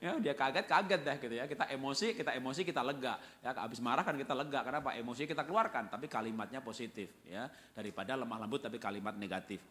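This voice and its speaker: Animated male preacher asking rhetorical questions. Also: medium pitch, fast, hardly any pauses. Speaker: pastor. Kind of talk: sermon. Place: church.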